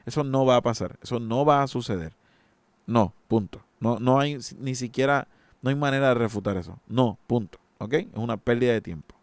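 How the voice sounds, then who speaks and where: A man's voice: medium pitch, moderate pace, dry recording. A man hosting a solo podcast, giving an indignant, emphatic opinion monologue. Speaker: podcast host.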